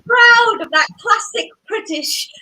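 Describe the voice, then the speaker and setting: A woman's voice: extremely high pitch, expressive, slow pace, bright, forceful tone, poor audio. A woman from Zambia doing a stand-up comedy set, with punchy delivery and playful self-mocking asides.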